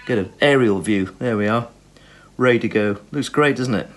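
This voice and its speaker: A man's voice: medium pitch, normal speed. A British man casually talking through his cooking in a chirpy, enthusiastic way, full of tag questions and little asides, recorded at home on a phone. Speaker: home cook presenting a recipe video. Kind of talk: casual chat while cooking. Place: home kitchen, filmed on a phone. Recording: clear background noise, kitchen clatter.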